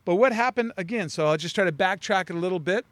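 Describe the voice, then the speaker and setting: A man's voice: sits high, fast, a bit bright, dry recording. Emphatic, rambling male preacher. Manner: rambling, emphatic preaching with many restarts and fillers. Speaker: pastor. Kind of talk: sermon.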